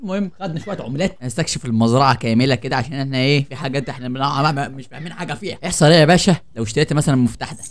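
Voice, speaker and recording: This is horror game let's play commentary from a young man who runs a gaming channel and speaks with an Egyptian Arabic accent. Jokey and easily spooked, he keeps up a chat with viewers at a rapid-fire clip, medium in pitch and with few pauses.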